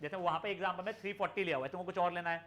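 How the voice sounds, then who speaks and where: Bright high-voiced male physics teacher. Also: fairly even intonation, racing. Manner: chatty Hindi-English teaching, addresses students as beta. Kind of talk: live online class lecture.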